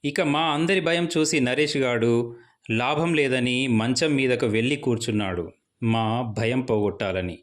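A young man narrating a first-person ghost story in a steady, suspenseful storytelling manner. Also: medium pitch, measured pace.

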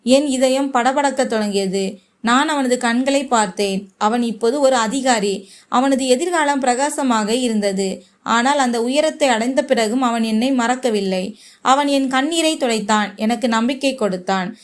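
A woman narrating a first-person story in a measured, heartfelt way. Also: fairly high pitch.

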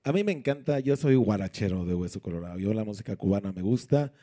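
A sound system announcer from Puebla, Mexico, coaches others in a casual interview by firing off rapid questions and giving advice. His voice sits on the low side, mellow, with lively intonation.

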